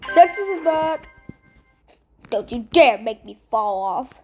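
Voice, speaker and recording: High, lively woman being silly. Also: slow pace. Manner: silly, exclaiming, giggly. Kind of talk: playful voice recording session.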